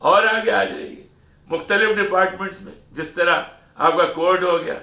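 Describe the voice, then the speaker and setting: A middle-aged man from Pakistan hosts his own channel in a lecturing monologue, urging and scolding his audience. His voice sits high and has a gravelly edge. He sounds bright and forceful, and he is caught from some way off the mic in an echoey room. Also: far from the mic. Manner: lecturing, exhorting listeners with rhetorical scolding. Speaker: channel host. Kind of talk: opinion monologue.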